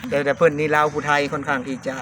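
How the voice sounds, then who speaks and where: A man hosting a casual interview, talking quickly and repeating words. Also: a little high, little pitch movement. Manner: quick, repeats words, fillers like nah and maen. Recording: background noise.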